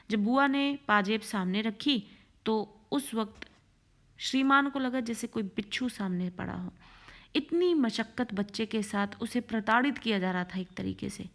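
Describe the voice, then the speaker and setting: A woman teacher who reads a Hindi short story aloud and explains it line by line, in a measured, explanatory way. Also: fairly high pitch.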